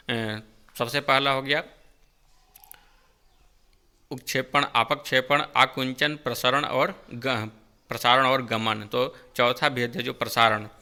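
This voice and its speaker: A man's voice: medium pitch, bright, forceful tone, clear, resonant tone. A male tutor running an exam-prep lecture, asking questions and answering them himself, correcting himself as he goes. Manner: quizzing, asks then answers, self-correcting.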